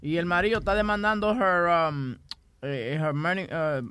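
Chatty bilingual radio co-host, dry sound. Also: male voice, high-pitched, moderate pace, sharp tone, clean tone, no room sound. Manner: chatty, mixes Spanish and English. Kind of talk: casual radio banter.

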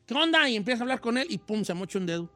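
Don Cheto: a man doing a high folksy old Mexican host. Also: very animated, rapid-fire, pushed and bright, dry recording, heavily acted. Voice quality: high, slangy and rambling. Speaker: radio host. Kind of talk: casual radio chat, film recommendations.

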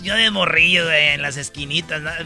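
Mexican guy hosting a comedy talk show, high punchy voice, joking in slang, music behind. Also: brisk, gravelly, bright, forceful tone. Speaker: show host.

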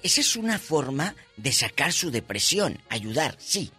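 Animated man hosting radio. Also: medium pitch, unhurried, slightly rough, soft background music. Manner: animated, preachy advice to listeners. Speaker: radio co-host. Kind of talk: radio talk show chat.

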